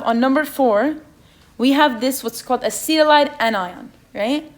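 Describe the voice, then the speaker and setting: A young woman with a non-native English accent leading an exam review session, asking the students questions and checking in with "okay?" as she goes. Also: high voice. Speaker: chemistry review session leader.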